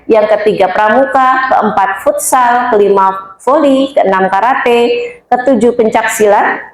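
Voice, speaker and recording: A woman presenting school programs to her colleagues at a staff meeting, speaking to them directly and going through her points in order. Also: medium pitch. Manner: addresses colleagues directly, lists items in order. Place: school hall or meeting room. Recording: very echoey room.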